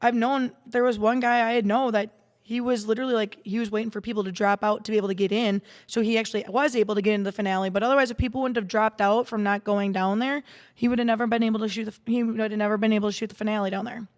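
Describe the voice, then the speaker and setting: A woman's voice: fairly high pitch, fairly even intonation, very fast, long reverb tail. A woman guest in a podcast studio telling stories in casual chat, rambling with many restarts and fillers. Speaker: guest, salon owner and darts player.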